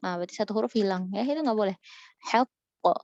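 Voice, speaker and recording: A young woman teaching Quran recitation in a casual online lesson, patiently explaining and slowly modeling each example. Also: mid-range voice, dark tone, no room sound, muffled recording.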